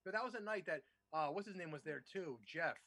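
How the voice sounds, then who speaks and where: A high, bright-voiced man talks about his comedy club in loud, crude banter. He repeats himself for emphasis. The sound is dry and close, with no room around it. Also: a little fast, no room sound. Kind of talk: casual profane banter.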